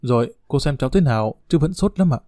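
A man voicing a brash, defiant young father who talks bluntly and rough-spoken. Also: mid-range voice, lively intonation, fast talker, dark tone, dry recording, studio quality, lightly acted. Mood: anxious.

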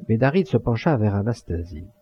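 A man reading a novel aloud as an audiobook narrator, measured and expressive, on a close, dry mic in a dull lo-fi recording. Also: fairly low pitch, breathy edge. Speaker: audiobook reader.

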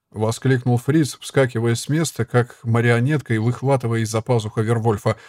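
A man narrating an audiobook in a measured, even storytelling manner. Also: mid-range voice, no room sound, studio quality. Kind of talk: audiobook reading.

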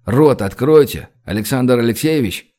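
A man voicing a tough, menacing captive who barks clipped orders in a low voice. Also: lively intonation, normal speed, mellow, close to an everyday voice.

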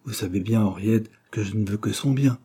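A man voicing a calm, earnest young woman who gives firm, measured moral advice in an audiobook. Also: lowish voice, slightly rough. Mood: earnest reproach.

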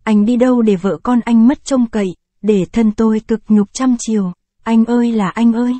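A woman voicing a grieving peasant widow in a storybook reading, lamenting in drawn-out cries. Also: a little high, fairly even intonation, warm tone, dry recording, lightly acted. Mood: wailing.

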